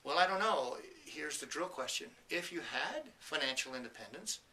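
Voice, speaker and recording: A man's voice: on the high side, big pitch swings, normal speed, sharp tone, far from the mic, poor audio. A man giving an earnest, emphatic motivational talk, telling stories and acting out the people in them. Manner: earnest, emphatic, storytelling with quoted voices. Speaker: motivational speaker.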